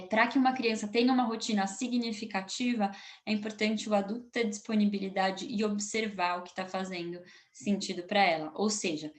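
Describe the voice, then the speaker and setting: A woman with a Brazilian Portuguese accent, a consultant who works with families, explaining baby routines in a casual talk to camera, often ending with a tag question and restarting as she thinks aloud. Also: medium pitch.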